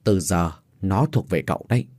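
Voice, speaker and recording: A man voicing a stern older man who speaks slowly and curtly, like giving orders. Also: sits low, a little mellow, dry recording, clean studio sound, pitched below the performer's own voice, lightly acted. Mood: commanding. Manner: slow, curt, commanding.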